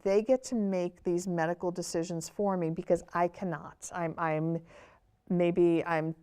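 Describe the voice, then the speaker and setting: A woman's voice: on the low side, fairly even intonation, measured pace, mellow, clear, resonant tone. A woman hosting an interview, asking questions through hypothetical personal scenarios. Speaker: interview host. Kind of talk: conversational interview.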